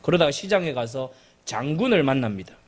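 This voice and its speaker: A man's voice: medium pitch, a little fast. A male pastor preaching a sermon, emphatic and joking, repeating key phrases. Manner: animated and emphatic, with jokes and repetition.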